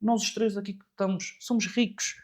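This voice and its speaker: A man's voice: sits high, steady tone, brisk. A man in his forties with a European Portuguese accent, hosting a podcast and pressing his points with questions. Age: 40s. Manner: questioning, emphatic. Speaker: podcast host. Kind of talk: casual chat.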